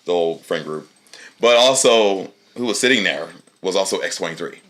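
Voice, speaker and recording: A man with a low voice that still comes across bright and forceful recaps a film with friends in a loose, profane chat. He echoes and completes the others' sentences as they go. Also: animated, brisk. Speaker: podcast co-host. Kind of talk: casual movie recap chat.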